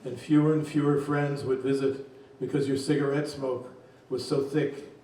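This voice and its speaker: A man reading his poems aloud at a reading event, in a slow, measured voice. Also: medium pitch, level tone, dark tone, a little hiss or hum. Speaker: poet reading his work. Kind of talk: poetry reading. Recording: very echoey room, distant mic.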